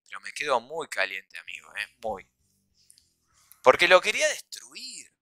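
A young man with a Rioplatense Spanish accent telling a comic story, acting out quoted voices and shouts. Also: mid-range voice, huge pitch swings, unhurried, no echo, rough recording. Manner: acts out quoted voices, shouts and sound effects. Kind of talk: animated comedic storytelling.

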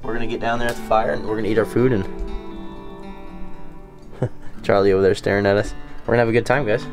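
A young man vlogging outdoors on a camping and fishing trip, talking casually to a handheld camera in an easygoing way. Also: fairly low pitch. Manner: easygoing, laid-back, says "man" and "you know" a lot. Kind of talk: casual vlog narration. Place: outdoors at a lake and campsite. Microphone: camera held at arm's length.

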